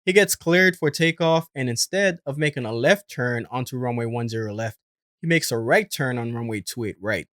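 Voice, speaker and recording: A man's voice: medium pitch, animated, normal speed, fairly bright tone, dry recording, studio quality. A man hosting and giving explanatory voice-over commentary. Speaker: host and commentator.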